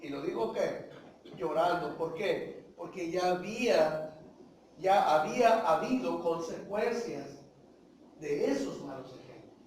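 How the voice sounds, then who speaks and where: A man's voice: sits high, lively intonation, takes it slowly, darkish tone, a little hiss or hum. A man preaching a sermon, calling his listeners brothers, asking rhetorical questions and acting out little dialogues. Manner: acts out short dialogues in voices. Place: church hall. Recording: echoey hall, voice from far off.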